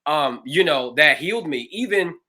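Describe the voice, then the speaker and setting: A man, a pastor hosting a livestreamed conversation, telling his own stories in an animated, expressive way. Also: fairly high pitch, normal speed. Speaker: pastor and show host.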